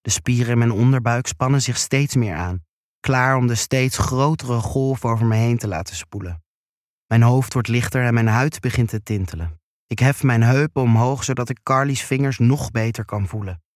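A man reading a first-person erotic story aloud in a slow, hushed, intimate way. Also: mid-range voice, no room sound, clean studio sound. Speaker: narrator.

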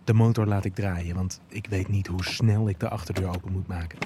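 Low-voiced man narrating an erotic story. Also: steady tone, a little fast, noisy background. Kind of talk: first-person erotic audio story narration.

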